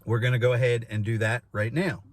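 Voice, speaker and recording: A man's voice: medium pitch, little pitch movement, a little fast, dry recording. Man giving a dry-sounding informal lesson. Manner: explanatory, repeats key phrases and demonstrates with short syllables. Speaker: goose calling instructor. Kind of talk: informal instructional demonstration. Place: inside a parked vehicle.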